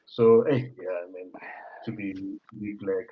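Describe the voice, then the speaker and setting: A South African man in his thirties hosting a casual conversation, an animated storyteller who mixes in local words. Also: deep voice, unhurried. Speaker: host. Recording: dull lo-fi sound.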